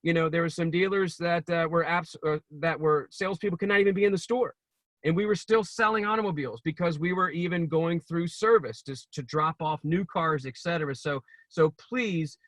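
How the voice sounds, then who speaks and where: A man's voice: a little high, fairly quick, a bit bright, dry recording. A man hosting a talk, speaking in an earnest, exhorting way and repeating words for emphasis. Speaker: talk show host. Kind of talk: motivational talk to business peers.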